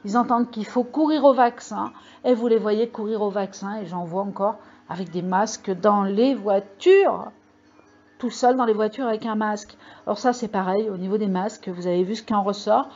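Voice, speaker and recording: A woman talks straight to her viewers in a loose, rambling monologue, full of hesitations and pointed warnings. The recording sounds a bit dull and lo-fi. Her pitch is mid-range. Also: normal speed, a little mellow. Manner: rambling, many fillers, emphatic warnings. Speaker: video channel host. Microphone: microphone. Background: computer mail alerts.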